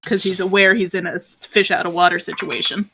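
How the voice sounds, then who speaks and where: A woman's voice: lowish voice, flat delivery, fairly quick, pushed and bright, slightly rough. A woman playing a tabletop game, reasoning aloud about her character. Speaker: player.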